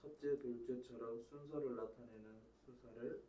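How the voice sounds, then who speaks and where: Young man reading aloud in a flat voice. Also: medium pitch, moderate pace, a little hiss or hum, rough recording. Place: classroom.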